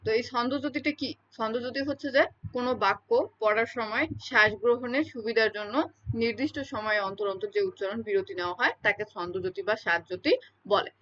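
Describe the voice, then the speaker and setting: A woman's voice: on the high side, fast, a bit bright. A woman teaching a lesson in an explanatory lecture style, speaking, repeating key terms and checking in with her listeners often. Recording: dull lo-fi recording.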